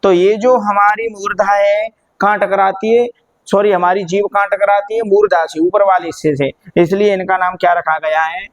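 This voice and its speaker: A man's voice: sits high, steady tone, normal speed. A man teaching Hindi grammar, sounding out letters one by one and asking questions he then answers himself, addressing students as children. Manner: drills sounds aloud, asks and answers own questions, calls listeners "beta". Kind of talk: classroom lesson.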